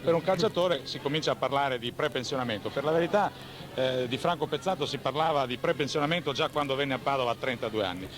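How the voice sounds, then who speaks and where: A man's voice: mid-range voice, fast. Man interviewing on sports radio. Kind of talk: broadcast football interviewing. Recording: 1980s radio recording.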